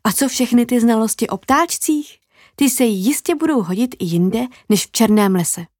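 A woman narrating a children's fairy tale in an expressive, lively storytelling manner with dramatic pauses. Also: on the high side, no room sound.

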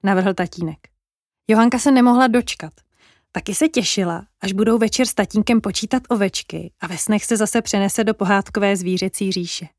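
A woman reading a children's bedtime story aloud, calm and clear. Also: mid-range voice, no echo, studio quality. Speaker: narrator.

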